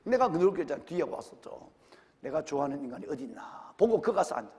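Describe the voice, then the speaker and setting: A man's voice: fairly high pitch, very animated, fast talker, a little mellow, long reverb tail. A male senior pastor with a Gyeongsang accent, preaching a sermon and firing rhetorical questions at his congregation. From Gyeongsang region, Korea. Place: church sanctuary.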